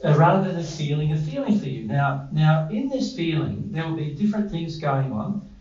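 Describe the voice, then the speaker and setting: A man's voice: a little high, animated, normal speed, a crowd in the background. A man giving an informal spiritual teaching talk to a small group, conversational and repeating their answers back. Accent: Australian. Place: living room with a small audience. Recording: dull, echoey room from far off.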